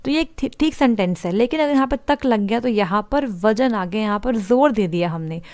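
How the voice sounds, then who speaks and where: Her voice is medium in pitch and somewhat dark, expressive and at a normal speed, with no room sound around it. She's teaching exam-prep Hindi grammar, going step by step, restating points and asking rhetorical questions.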